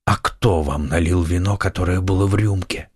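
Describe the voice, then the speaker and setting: Man voicing a grim brooding musketeer, hoarse, low, slow and heavy, dry recording. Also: no echo. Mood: grave. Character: grim older male musketeer, brooding and grave. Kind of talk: audiobook character voice.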